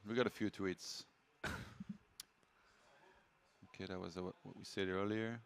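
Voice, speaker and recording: A male esports co-caster with a fairly low voice. He banters casually on a live stream and teases with dry humor. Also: fairly even intonation, measured pace, clean tone.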